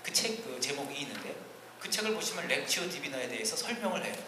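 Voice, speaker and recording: A fairly high-voiced male pastor delivers a teaching sermon in a large church hall. He is earnest, pushing phrases up with force and then dropping into quiet asides. The recording is very reverberant, with a long hall tail and steady background hiss. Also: fast. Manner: earnest, swinging between emphatic rises and quiet asides. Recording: echoey hall, distant ambient noise.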